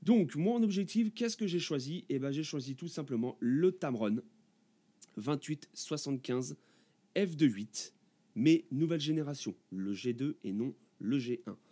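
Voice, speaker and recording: A man's voice: medium pitch, expressive, normal speed, mellow, breathy edge. A man, a YouTuber, talking casually to camera about a camera from his home music studio, chatty and full of fillers and restarts.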